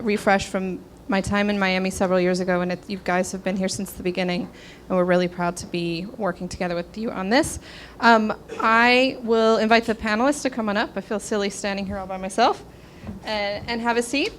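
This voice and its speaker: A woman's voice: medium pitch, fairly even intonation, a little fast. A woman from the United States moderating a live panel in an upbeat, conversational way on a handheld mic. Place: meetup event stage. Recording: noisy live event recording.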